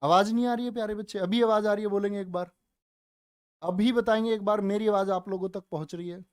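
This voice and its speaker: A man's voice: high voice, steady tone, fast, a little mellow, clear, resonant tone, dry recording, clean studio sound. A man teaching a live online Hindi exam-prep class, coaxing his students, calling them dear children and brother, and asking questions that he answers himself.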